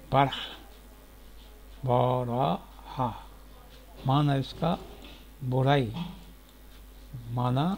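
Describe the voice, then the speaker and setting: A man teaching word origins in a slow, deliberate lecture, spelling out letters one by one, recorded in a sitting room at home. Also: mid-range voice, gravelly, warm tone, low-quality recording. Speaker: etymology teacher.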